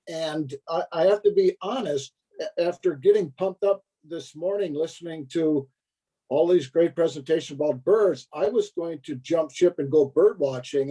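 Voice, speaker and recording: A man on a video call who chats casually, then reads a poem in a slow, measured way. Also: fairly high pitch, husky, poor audio. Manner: relaxed, slow and measured reading. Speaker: presenter. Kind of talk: casual chat and poetry reading.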